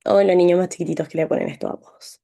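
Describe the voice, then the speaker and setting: A woman's voice: lowish voice, huge pitch swings, quick pace, creaky, mellow. A woman with a Chilean accent teaching a French lesson, encouraging and full of examples. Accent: Chilean Spanish. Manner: encouraging, explains with lots of examples.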